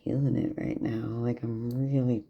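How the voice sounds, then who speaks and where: With a camera propped beside a plant picking up dull, lo-fi sound, a tired young vlogger speaks candidly and rambles with lots of fillers in a casual video diary. His voice is mid-range and creaky, with a flat delivery at a normal speed.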